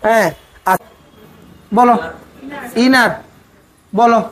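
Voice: medium pitch, extremely slow, a bit bright. A teacher giving an exam coaching grammar lecture, often asking the class questions and then answering them. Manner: casual, speaks to students as "tumi".

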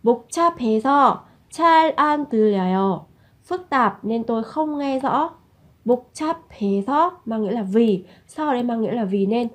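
A woman's voice: fairly high pitch, lively intonation, normal speed, darkish tone, husky. A woman teaching a language lesson, repeating each example phrase and then explaining it.

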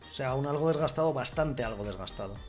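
A young man with a Spain Spanish accent, swearing often as he streams himself opening game cases, swinging from grumbling to shouting. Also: mid-range voice, lively intonation, fast. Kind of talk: excited gaming commentary. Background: background music.

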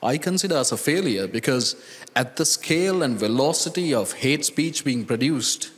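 A man, speaking as a panelist at a conference, earnest and deliberate, pausing and restarting as he thinks, into a handheld mic on a large hall stage. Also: mid-range voice, expressive. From Sri Lanka. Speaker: conference panelist, data scientist. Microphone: handheld microphone. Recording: reverberant conference hall sound.

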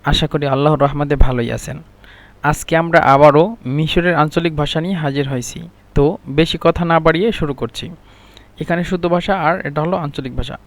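A man's voice: on the high side, fairly quick. A man teaching Arabic phrases in a spoken lesson, explaining patiently and saying each phrase several times over.

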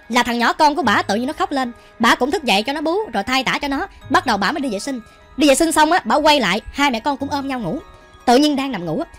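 A woman with a Southern Vietnamese accent telling a ghost story in a chatty way, often speaking directly to her listeners. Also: sits high. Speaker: storytelling channel host. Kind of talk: ghost story narration while cooking.

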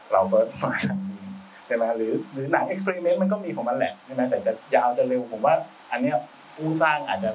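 A man's voice: medium pitch, muffled recording. A man talks shop as a guest speaker in a loose, rambling, slangy way, often restarting his sentences. He sits a little back from the mic. There is a faint hiss of noise in the room. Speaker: film sound designer, guest speaker. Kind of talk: casual talk-show conversation. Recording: voice a bit far from the mic, faint background noise.

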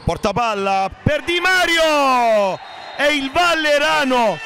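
An Italian man giving breathless, excited live futsal commentary, shouting out the goal calls. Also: very high voice, slow pace, crowd noise. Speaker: sports commentator. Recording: noisy sports hall ambience.

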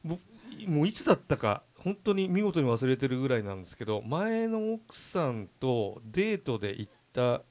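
A man's voice: mid-range voice, big pitch swings, moderate pace, few pauses, a little mellow. A man from Aichi hosting a casual radio talk show, chatty and full of fillers. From Aichi, Japan. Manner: chatty, many fillers and laughs. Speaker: radio host. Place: radio studio.

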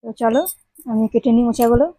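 A woman's voice: fairly high pitch, flat delivery, fast talker, dark tone, slightly rough, dry recording, rough recording. A woman hosting a home cooking channel, chatting to viewers as she explains each step of a recipe. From Bengal. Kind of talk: casual cooking demonstration.

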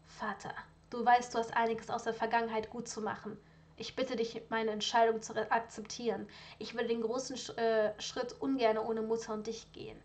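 A proud, defiant young aristocrat, as a woman reads him in a storybook reading. He speaks in a firm, insistent voice with a fairly high pitch. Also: level tone, moderate pace, close to an everyday voice.

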